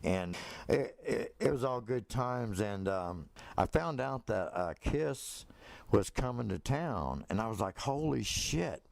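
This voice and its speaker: A man's voice: lowish voice, lively intonation, measured pace, creaky. A middle-aged man casually telling rambling stories from his past, with lots of fillers and restarts. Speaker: storyteller. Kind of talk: casual spoken reminiscence.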